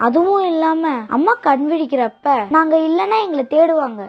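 A woman's voice: very high voice, expressive, normal speed. A woman voicing small, innocent sparrow chicks in a cartoon, pleading and childlike. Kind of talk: cartoon voice acting. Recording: dull lo-fi with faint music.

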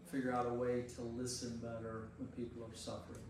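A priest leads a church Bible study, teaching a discussion group informally and checking in with rhetorical questions. His medium-pitched voice is completely flat and a little fast, recorded with a distant mic in a very echoey church meeting room with faint noise.

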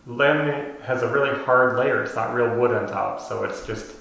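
The thirties-aged renovation vlogger's voice is medium-pitched, creaky and a bit bright, at normal speed. He chats casually to camera, explaining his work in an empty, under-renovation bedroom whose bare walls make the sound very echoey.

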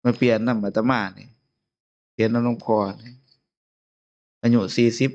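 A man's voice: mid-range voice, level tone, moderate pace, darkish tone, dull audio. A man with an Isan Lao accent giving an informal Buddhist sermon as abbot, chatty and chuckling often. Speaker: abbot giving a Dharma talk.

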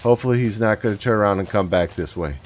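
A man hosting his own gaming channel, chatting excitedly to viewers as he plays. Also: fairly low pitch, quick pace. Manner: excitable, talks to viewers while playing. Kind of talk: casual gameplay commentary. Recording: slightly dull, faint background noise.

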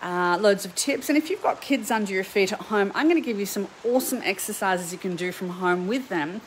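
A woman's voice: medium pitch, animated, a little fast, low-quality recording. Woman, Australian accent, middle-aged, art teacher, upbeat and chatty, live stream from home studio, faint background noise. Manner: upbeat, chatty, greets viewers by name. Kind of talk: live stream chat to viewers.

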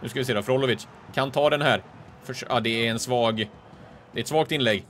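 A man from Sweden talks through a football video game in a relaxed let's-play manner. His voice sits at a middle pitch for a man. Calm running commentary breaks into sudden excited shouts during close chances. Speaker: gaming channel host.

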